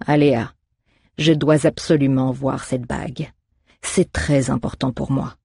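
A storybook reader voicing an old male druid who speaks calmly and slowly, pressing gently. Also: mid-range voice, creaky, breathy edge, dry recording, studio quality. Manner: calm, slow, measured.

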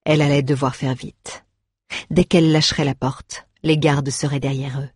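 Husky low-voiced lady reading a fantasy book, steady pace. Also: no echo, studio quality. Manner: steady, measured storytelling. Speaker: audiobook reader. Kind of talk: scripted fantasy narration.

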